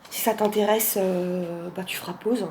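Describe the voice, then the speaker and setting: A woman's voice: medium pitch, steady tone, normal speed, warm tone, a little hiss or hum. A woman casually presenting a card deck in a vlog, chatty, with many fillers and frequent laughs. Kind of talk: casual chat.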